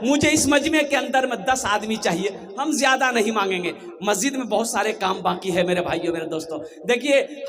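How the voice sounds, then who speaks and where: High pitched man giving a sermon, loud and pushy, keeps asking the crowd stuff. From Kolkata, India. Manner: emphatic, calls out questions to the crowd and rises to shouts. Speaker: Islamic preacher. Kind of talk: sermon at a mosque gathering.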